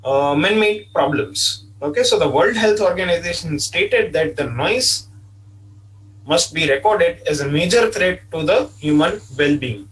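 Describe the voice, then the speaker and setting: High-voiced lecturer, distant mic. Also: male voice, animated, measured pace, a bit bright. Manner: repetitive, explanatory, frequent "okay" fillers. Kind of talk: online lecture.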